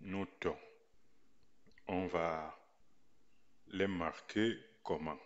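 A man teaching a writing lesson in a slow voice-over, repeating each point deliberately. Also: sits low, fairly even intonation, highs cut off. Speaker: language teacher.

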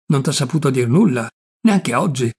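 A man reading aloud and voicing a shy, cheerful young woman who answers softly and coyly. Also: mid-range voice, expressive, normal speed, husky.

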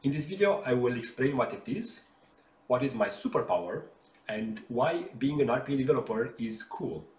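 An RPA developer gives children a friendly explainer in a bright living room with a sofa, using simple, patient explanations and hand gestures. His mid-range voice is expressive and moderately paced. He's off-mic and distant, so the room echo is noticeable.

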